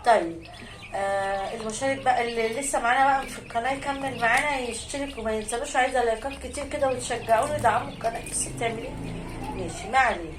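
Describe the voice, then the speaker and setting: A high-voiced woman with an Egyptian accent hosts a casual how-to vlog on raising poultry. She keeps up a chatty, affectionate patter, putting questions to herself and then answering them, over a faint hiss of background noise. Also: rapid-fire. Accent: Egyptian Arabic. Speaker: channel host raising poultry.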